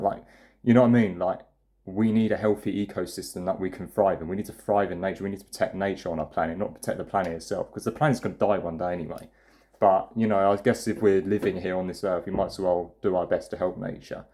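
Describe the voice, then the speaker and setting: Speaking low with a darkish tone, this young man delivers a rambling, foul-mouthed rant straight into the camera. It's a casual vlog monologue, and he often breaks off and starts his sentences over.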